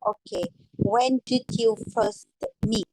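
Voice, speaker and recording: A woman's voice: on the high side, steady tone, slow pace, darkish tone, slight background noise, rough recording. A woman learning English, speaking hesitantly and repeating words as she gropes for phrases. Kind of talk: practicing English aloud in a lesson.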